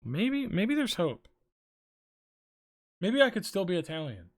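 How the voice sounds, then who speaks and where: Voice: mid-range voice, wildly swooping pitch, measured pace. A streamer chatting casually with viewers late at night while drawing, rambling and joking, cursing freely and humming between thoughts, speaking from a room at home. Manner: rambling, joking, swears freely, talks to chat; hums to self while working.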